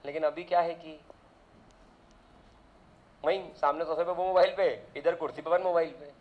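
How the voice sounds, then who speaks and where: Man, physics teacher, high-pitched voice, chatty rambling lecture, rhetorical questions. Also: fairly even intonation, normal speed, dull audio. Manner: chatty, drifts into side rants with rhetorical questions. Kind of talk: casual classroom lecture.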